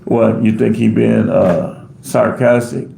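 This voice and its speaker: Gravelly, dark-voiced American man chatting. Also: on the low side, steady tone, takes it slowly, echoey room, slight background noise. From United States. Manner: rambling, answers viewer comments off the cuff. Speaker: livestream host reading chat. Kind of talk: casual live-stream chat.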